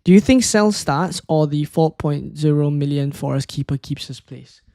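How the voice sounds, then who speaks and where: A Singaporean man who streams fantasy football gives casual live-stream commentary, answering questions from chat. He thinks aloud in a relaxed, conversational way, with lots of fillers and restarts. His voice is fairly high with vocal fry, at a moderate pace, recorded dry and close with no echo.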